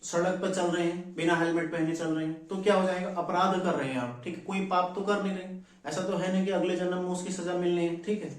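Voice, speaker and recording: A man's voice: high-pitched, steady tone, a little fast. A man from teaching an exam-prep lesson, explaining each answer step by step and often checking in with his listeners. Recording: very echoey, distant from the mic.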